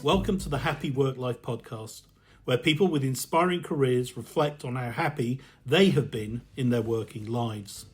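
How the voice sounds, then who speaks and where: A man hosting a podcast interview, speaking in a measured way with some hesitant fillers. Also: medium pitch, a little mellow, faint music behind. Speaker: podcast host.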